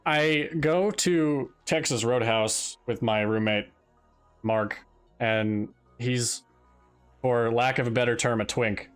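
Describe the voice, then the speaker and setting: A young man chats on a live stream in a mid-range voice, slow and smooth, with soft music in the background. He tells a rambling story, often restarting and throwing in exasperated asides.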